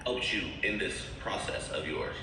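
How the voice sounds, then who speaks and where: Low-voiced man, distant and echoey, music behind. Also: animated, moderate pace, pushed and bright, slight background noise. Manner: teasing, slangy, swears. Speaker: guest interviewer. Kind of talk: casual Q&A.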